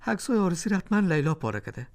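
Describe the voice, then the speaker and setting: A woman's voice: fairly low pitch, very animated, a little mellow. A woman voicing a husband accused of cheating, exasperated and pleading.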